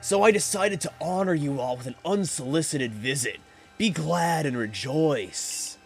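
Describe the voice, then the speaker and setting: Man doing a smug young warden, drawling hippie voice, condescending, lively pitch. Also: unhurried, faint music behind. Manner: drawling, mellow hippie-like voice, theatrically haughty.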